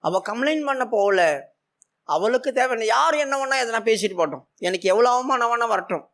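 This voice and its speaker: A man's voice: extremely high pitch, animated, fairly quick, creaky, fairly bright tone. A man preaching a sermon, retelling a scripture story with emphatic repetition.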